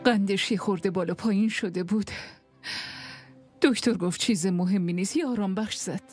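Soothing mother , an actress's role, gentle and reassuring, light music under. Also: mid-range voice, lightly acted. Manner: soft, soothing. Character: gentle comforting mother figure. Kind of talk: dubbed TV drama acting.

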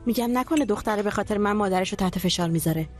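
An actress playing a curious young adult daughter in a dubbed drama, earnest and questioning. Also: female voice, mid-range voice, darkish tone, faint music behind, natural voice.

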